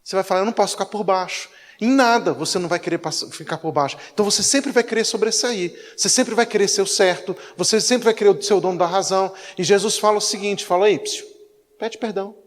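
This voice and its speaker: A man's voice: high-pitched, fast, few pauses. A man with a Brazilian Portuguese accent, a pastor preaching a conversational sermon with acted-out anecdotes, in a church. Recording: echoey church hall.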